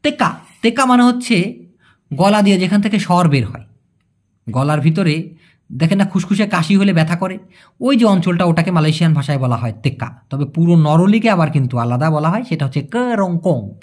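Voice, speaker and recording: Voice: medium pitch, lively intonation, moderate pace, darkish tone. A Malay language teacher, giving a casual video lesson and explaining words through everyday examples. The teacher asks rhetorical questions and answers them, repeating words for emphasis.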